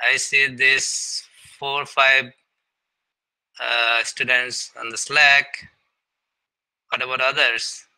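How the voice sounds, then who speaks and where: A man's voice: mid-range voice, little pitch movement, drawn-out words, pauses often, sharp tone, clean tone, low-quality recording. A man leading an online student meeting over a video call, encouraging and full of fillers and restarts. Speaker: meeting leader and mentor.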